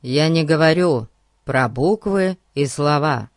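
A man reading the part of a confident teenage boy detective who speaks calmly, with a sarcastic edge. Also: on the high side, takes it slowly, dry recording, studio quality. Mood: explaining. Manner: calm, sarcastic.

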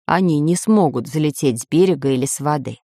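Storybook professor, older man, lecturing and calm, voiced by a woman; low-ish tone, dry mic. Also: no echo. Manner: slow, lecturing explanations. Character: calm, learned older male professor geographer.

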